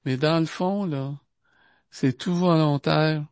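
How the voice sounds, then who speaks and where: A man's voice: a little high, darkish tone, no echo. A man with a Québécois accent giving an informal spiritual talk. He speaks conversationally, with lots of asides and repetitions. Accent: Québécois French. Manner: conversational, repeats itself and fills pauses with asides.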